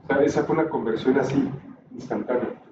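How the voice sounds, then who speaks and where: A man teaching a Bible class, explaining calmly and tossing in rhetorical questions, recorded from a distance in a roomy space. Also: medium pitch, fairly quick, dull audio, background noise.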